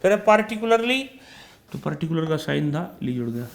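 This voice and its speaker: A man with an Indian accent teaching a shorthand class. He calls out each word loudly, then explains it more quietly, and addresses his students as children. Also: fairly high pitch, big pitch swings, a little fast, gravelly. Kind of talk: classroom lesson explaining steps.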